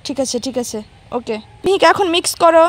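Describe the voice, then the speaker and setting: Very high-pitched, animated and fast-talking, this young mother films a vlog of her young children, chatting casually with them and her viewers. She coaxes the kids using simple, repeated instructions, and there is clear background noise.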